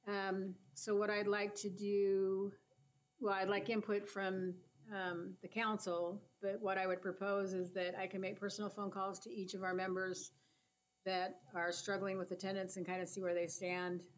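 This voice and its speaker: Woman, committee chair, mid-pitched, hesitant fillers, relaxed meeting talk. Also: moderate pace. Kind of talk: running a meeting.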